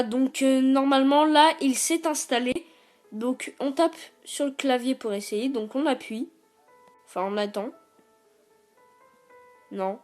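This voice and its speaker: A woman's voice: a little high, a little mellow. A woman hosting a casual tutorial, talking viewers through steps with many hesitations and filler sounds. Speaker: YouTube tutorial host. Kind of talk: casual screen-recorded tutorial.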